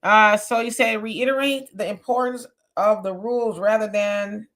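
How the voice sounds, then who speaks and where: A woman's voice: mid-range voice, steady tone, normal speed, fairly bright tone. A woman in her fifties co-hosting a casual livestream, reading viewer comments aloud and chatting about them with plenty of fillers. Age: 50s.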